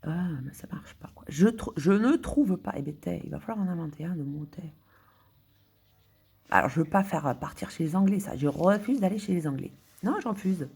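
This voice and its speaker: A woman's voice: on the low side, animated, normal speed, creaky, darkish tone, husky. A woman from France thinking aloud in a casual monologue, muttering and whispering to herself as she searches for words, with indignant outbursts. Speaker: vlogger.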